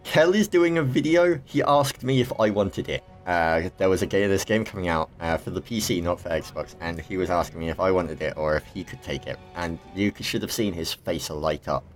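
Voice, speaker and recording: A man hosting a casual gaming podcast, chatty and rambling with quick asides. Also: sits low, expressive, soft background music. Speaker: podcast host. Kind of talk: casual chat.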